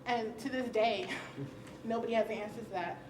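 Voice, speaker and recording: At a roundtable in a conference session room, a woman talks candidly and conversationally about personal matters, laughing often. Her fairly high voice has fairly even intonation at a normal speed, and the recording is roomy and distant with faint hiss.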